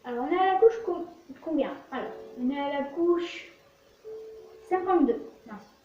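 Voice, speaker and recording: A woman's voice: high-pitched, lively intonation, normal speed, dark tone. A woman giving casual let's play commentary as host of a gaming video, narrating what they do in short fragments. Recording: very echoey, distant, muffled, faint noise.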